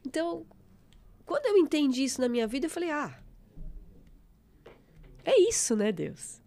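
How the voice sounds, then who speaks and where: A middle-aged woman, giving a fervent, expressive testimony of faith as a guest. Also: high-pitched, moderate pace.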